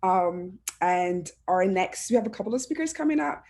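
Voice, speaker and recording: A heartfelt woman with a lilt speaks as a panelist over a video call. Her pitch sits in a middle range, and she often restarts a phrase before she lands it. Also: expressive, moderate pace, a little mellow. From Barbados. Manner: earnest, heartfelt, with frequent restarts. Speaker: panelist, education administrator. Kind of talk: reflective personal talk on a panel.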